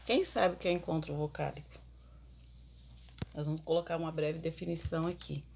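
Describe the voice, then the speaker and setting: A woman teacher giving an online grammar lesson, explaining slowly and putting questions to the class. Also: low voice, fairly even intonation, creaky, a little mellow, slight background noise.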